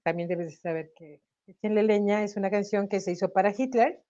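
A singer from a Mexican Spanish background speaks fairly quickly in a mid-range voice on a video call interview from home. The webcam recording is muffled. She's lively, tosses in tag questions, laughs mid-sentence, and coughs slightly from a sore throat.

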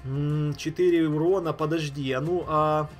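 Male gaming streamer, slightly high voice, slangy thinking-aloud commentary, music behind. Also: fairly even intonation, moderate pace. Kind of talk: casual gameplay commentary. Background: game music.

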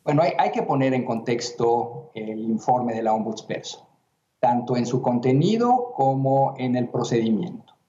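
A man giving measured, official answers in an interview, often pausing with hesitations. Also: medium pitch, animated, mellow. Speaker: interviewee, human rights commission president. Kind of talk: formal remote interview answers. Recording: roomy, dull remote line.

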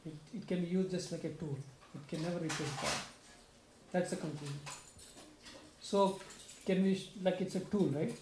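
Here a young man wraps up a small devotional gathering, a satsang, in a shrine room at home, talking into a stand mic as a far-off camera records. His voice is soft and low, his pace moderate with long pauses, and he explains earnestly, often adding "right?" The room echoes and background noise is clearly audible.

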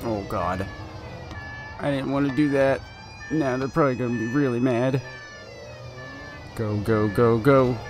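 Guy narrating his driving game, nervous, keeps begging the car on, talks slow, mid pitch. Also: background noise. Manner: anxious, pleading, keeps urging the car on. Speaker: gaming video creator. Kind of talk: live gameplay commentary.

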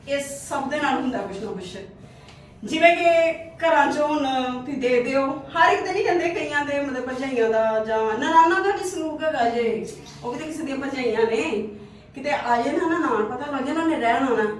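A woman acting in a family skit as a hurt sister, then earnestly advising viewers. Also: high voice. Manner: pleading, then earnest advice. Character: hurt married sister visiting her brother's home. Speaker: channel host and actor. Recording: echoey room from far off, faint noise.

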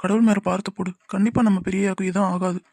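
A man's voice: high voice, little pitch movement, quick pace, darkish tone, no echo. A man voicing a young man in a cartoon drama who earnestly pleads with and comforts the family. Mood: comforting.

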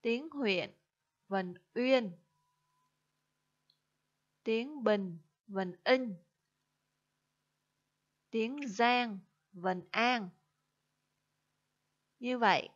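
A Vietnamese woman, a primary school teacher, explaining a spelling lesson slowly and carefully, syllable by syllable. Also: medium pitch, slightly rough, lo-fi sound. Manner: slow, careful dictation-style explanation. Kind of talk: recorded online spelling lesson.

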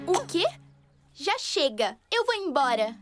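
A sweet, modest cartoon girl with a Brazilian accent. She speaks high and earnestly, with animated pitch and faint music behind. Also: slow pace, full character voice. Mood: indignant. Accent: Brazilian Portuguese. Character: sweet, modest girl who stands up for herself.

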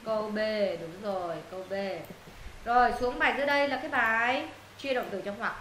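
A woman teaching an English lesson to her students, walking them through answers and firing quick questions to check they follow. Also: on the high side, a bit bright. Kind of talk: classroom lesson explaining answers. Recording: roomy echo, faint noise.

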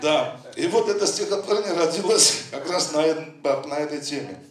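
Captured from afar in an echoey room, a man with a fairly high, animated voice reads his poetry at a moderate pace. He recites in a rhythmic cadence and chats casually between poems, sharing anecdotes.

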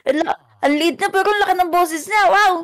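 A woman co-hosting a playful game role-play, excitable and giggly. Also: extremely high pitch, a little fast. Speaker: co-host and player.

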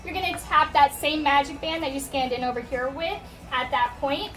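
A woman's voice: high-pitched, normal speed, recorded from a distance. A young woman working as a theme park attendant, giving guests a friendly briefing. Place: small themed booth. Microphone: handheld camera at some distance. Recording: echoey, off-mic, music behind.

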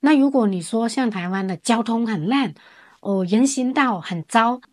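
A woman's voice: a little high, animated, moderate pace. A woman from China, chatting casually in a storytelling vlog and retelling conversations. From mainland China. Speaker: vlogger.

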